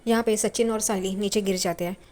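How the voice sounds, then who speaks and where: A woman's voice: medium pitch, fairly even intonation, fast, darkish tone. A woman giving a casual spoken recap of a TV serial episode. She tells it plainly, reads the quoted lines with little acting, and adds her own asides on the characters.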